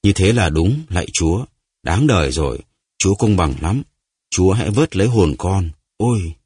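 A man voicing a hoarse, gasping old grandfather in an audiobook story, pleading and reproaching himself. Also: sits low, expressive, normal speed, no echo, clean studio sound. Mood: anguished. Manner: pleading, shouting, self-reproaching. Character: old grandfather, hoarse, bitter and guilt-ridden. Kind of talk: audiobook character voice.

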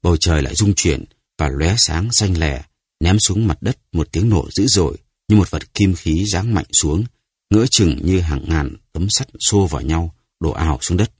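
A man narrating an audiobook story in a measured, dramatic reading. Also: low-pitched, darkish tone, husky, no echo, studio quality.

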